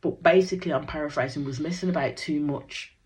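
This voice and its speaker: A woman's voice: deep voice, brisk, darkish tone. A woman recapping a reality show in a chatty, opinionated, slangy way. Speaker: reality TV reaction host. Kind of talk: casual recap commentary.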